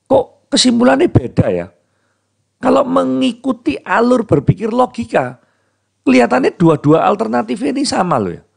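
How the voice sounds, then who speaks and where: Man, conversational sermon, rhetorical questions, gravelly, animated pitch. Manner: rhetorical questions, answers them himself; drops pitch at phrase ends. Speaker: preacher giving a Bible devotional.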